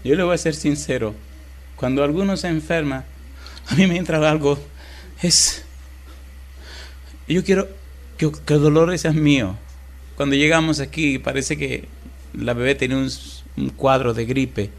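A man's voice: fairly high pitch, fairly even intonation, a little slow, long pauses. Impassioned male pastor preaching. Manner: impassioned, swinging from loud emphatic cries to hushed storytelling. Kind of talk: sermon.

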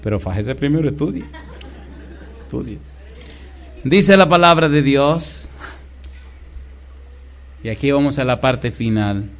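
Man, middle-aged pastor, fervent sermon, shouts questions at the congregation. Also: medium pitch, lively intonation, measured pace, long pauses. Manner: fervent, calls out questions to the congregation, big swings in loudness. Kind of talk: sermon with storytelling.

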